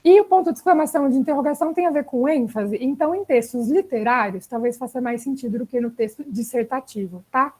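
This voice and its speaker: With a high voice, a darkish tone and a quick pace, a young woman with a Brazilian Portuguese accent rushes through an online writing class with hardly any pauses. She stays chatty, regularly asking "né?" and "tá?" to check in with students, on a low-quality recording.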